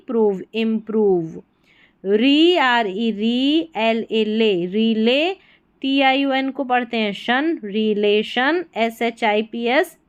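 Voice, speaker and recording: A woman's voice: fairly high pitch, clear, resonant tone. A young Indian woman teaching English reading, spelling each word letter by letter before saying it, with an Indian accent. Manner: spells words letter by letter, then says them in Hindi-accented English. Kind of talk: slow spelling-out reading lesson.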